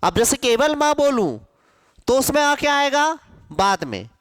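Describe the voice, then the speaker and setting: A man teaching grammar to a class with a high, animated voice, drawing out each syllable at a slow, deliberate pace. He keeps asking questions and answering them himself. His voice is smooth and clear, recorded dry and close. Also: dry recording. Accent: Hindi, from central India. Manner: asks questions and answers them himself, repeating sounds slowly. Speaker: Hindi teacher.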